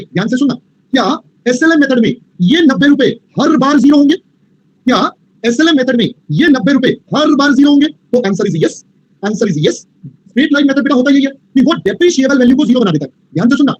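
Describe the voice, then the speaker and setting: A man's voice: very high voice, a little mellow, slightly rough, no room sound, highs cut off. A male teacher giving a lecture, coaxing the students and repeating himself. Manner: coaxing, repeats himself, mixes English phrases. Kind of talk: online commerce lecture.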